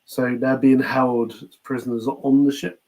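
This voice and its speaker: On a podcast he co-hosts, a man with a British accent chats through a recap of a series, briefly performing bits of dialogue along the way. He speaks at medium pitch with a flat, measured delivery and a slightly mellow sound, in a low-quality recording.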